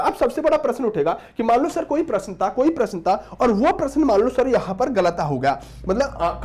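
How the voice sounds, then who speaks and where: Reading a notice aloud in a casual exam update, this exam-prep teacher and presenter frequently speaks to his viewers as friends. His voice sits high with a somewhat dark tone.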